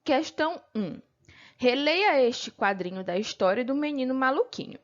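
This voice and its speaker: A woman's voice: sits high, expressive. Patient Brazilian woman teacher, lo-fi. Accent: Brazilian Portuguese. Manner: patient, explains slowly, frequent "tá bom?" check-ins. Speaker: primary school teacher. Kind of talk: remote textbook lesson.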